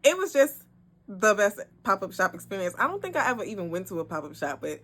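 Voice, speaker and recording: A young woman, telling a story in a chatty, animated vlog. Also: mid-range voice, fast. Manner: chatty, animated, frequent "like" and "whatever". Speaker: vlogger.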